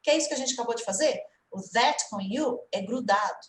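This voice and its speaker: A woman's voice: a little high, brisk, echoey room, low-quality recording. A woman with a Brazilian Portuguese accent, an English teacher giving an online lesson and quizzing her student as she explains.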